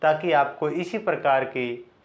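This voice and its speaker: A man teaching Sanskrit grammar, patiently chanting verb forms in slow drills and explaining each step. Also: on the high side. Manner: patient, explains step by step and asks questions back. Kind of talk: slow classroom-style grammar lesson. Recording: dull lo-fi sound.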